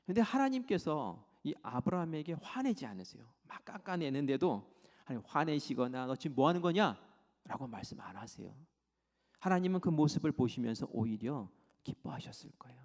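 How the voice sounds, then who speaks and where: A male pastor preaches in a fairly high, gravelly voice, acting out the story with sudden swings between loud lines and hushed whispers. His words ring out with a long reverb, as in a church sanctuary. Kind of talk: sermon.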